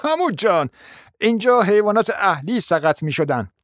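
A man voicing an eager, quick-tempered young nephew in an audiobook, speaking forcefully. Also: high-pitched, sing-song, no room sound, studio quality, voice pushed up.

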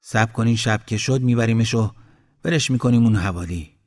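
A man's voice: fairly low pitch, close to an everyday voice. A man voicing a practical village man who speaks in a matter-of-fact way.

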